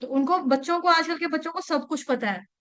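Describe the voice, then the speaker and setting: A woman's voice: high-pitched, fairly quick, a bit bright. A young woman giving a devotional scripture talk in a chatty storytelling manner, often checking in with listeners. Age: young adult. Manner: conversational storytelling, frequent checks like "okay" and "right". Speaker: devotional speaker.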